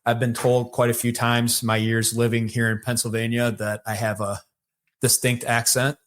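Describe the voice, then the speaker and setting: A man with a Michigan accent, a podcast guest telling his life story in a relaxed, rambling way with many fillers. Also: mid-range voice, normal speed. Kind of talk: casual storytelling conversation.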